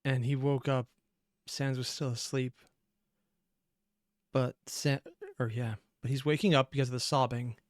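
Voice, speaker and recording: A man hosts a reaction video, analyzing what he watches in casual commentary and thinking aloud, often trailing off mid-sentence. His mid-range voice stays level and a little slow, with long pauses and no echo.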